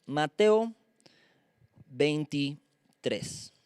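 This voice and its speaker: A woman gives a conversational Bible study, slowly spelling out Greek words and sometimes groping for a word. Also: low-pitched, animated, a little mellow, smooth, dry recording. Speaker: Bible teacher.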